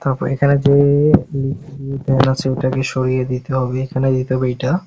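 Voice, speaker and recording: A man's voice: medium pitch, completely flat delivery, fairly quick, dull audio, over music. A man from Bangladesh talking through an app-building tutorial step by step in a casual way, often correcting himself as he goes. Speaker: tutorial host.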